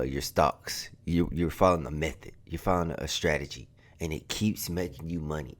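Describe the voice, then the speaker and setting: A man delivering an escalating, comedic rant straight to viewers in an emphatic, slangy, profane way, like a reaction commentator. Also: low voice.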